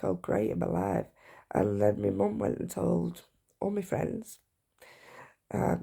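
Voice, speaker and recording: Woman, deep vocal fry, husky, mellow tone, frank and halting, phone video. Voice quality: frank, halting, reflective speech. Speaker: vlogger. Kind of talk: personal testimony to camera.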